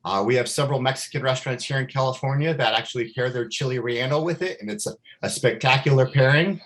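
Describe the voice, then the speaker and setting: A man's voice: medium pitch, quick pace, a bit bright, slight background noise. A man fluently presenting a wine, describing it in detail with frequent fillers. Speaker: wine representative. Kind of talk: product presentation.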